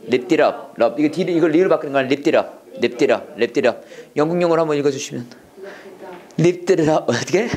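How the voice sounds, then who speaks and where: Animated teacher voice, keeps repeating phrases for the class to echo back, pitch jumps around a lot. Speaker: English prayer teacher. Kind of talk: classroom lesson, call and response drills. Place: classroom with students.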